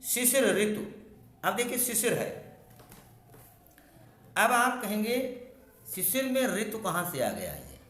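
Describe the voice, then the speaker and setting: A man teaching a grammar lesson at a board, explaining slowly and repeating words as he points things out. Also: high voice, sing-song, fairly bright tone. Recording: echoey room.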